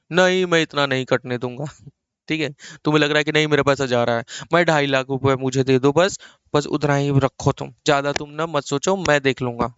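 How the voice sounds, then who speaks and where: A man's voice: a little high, clean tone, no echo, highs cut off. A man teaching an accounting class, coaxing answers with repeated questions and acting out little dialogues. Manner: playful, acts out little dialogues. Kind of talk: classroom lecture.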